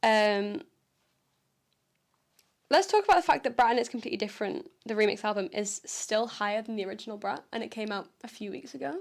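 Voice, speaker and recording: A woman co-hosting a casual podcast, relaxed and chatty, who swears casually. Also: medium pitch, fairly quick, vocal fry. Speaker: podcast co-host. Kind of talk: casual chat.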